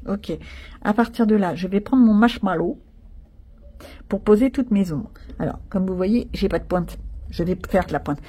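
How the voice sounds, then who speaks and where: A woman's voice: medium pitch, moderate pace, warm tone, slightly rough. A woman chatting casually to her viewers, thinking aloud as she colors a picture with pencils. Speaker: coloring channel host. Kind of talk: casual narrated coloring session.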